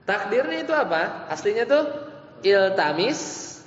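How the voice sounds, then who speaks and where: Slow-spoken male teacher in an echoey hall. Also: on the high side, lively intonation, a bit bright. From Indonesia. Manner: explains slowly, repeats terms, asks and answers own questions. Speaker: Arabic grammar teacher. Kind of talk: Islamic study lecture. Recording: echoey lo-fi hall recording with faint hum.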